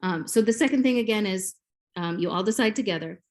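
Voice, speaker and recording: A Kenyan woman in her forties, a native Swahili speaker, appears as a podcast guest in an interview, explaining things like a classroom teacher with many ums. Her mid-range voice moves a little fast.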